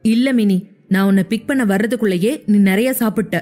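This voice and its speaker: A woman's voice: medium pitch, fairly quick, warm tone, natural voice. A woman voicing a stern, bossy young man who scolds and gives clipped orders in an audio story. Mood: scolding.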